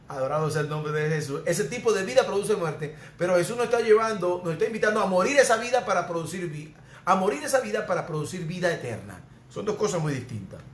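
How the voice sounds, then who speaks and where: A man's voice: high voice, a bit bright. A male pastor with a Venezuelan accent preaching a sermon, hammering home repeated refrains. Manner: repetitive preaching cadence, emphatic refrains. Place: church sanctuary. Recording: echoey church room.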